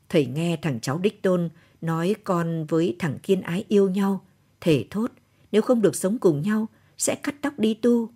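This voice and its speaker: A proud, fretful old village grandfather, as a woman narrator puts him on in a storybook reading, speaking. His voice is dark and husky, and he scolds and fusses over his family. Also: on the low side. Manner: scolding, fussy old man.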